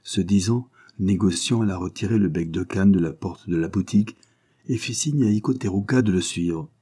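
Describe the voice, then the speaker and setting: Deep, husky male audiobook narrator. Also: moderate pace, dark tone. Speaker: audiobook reader.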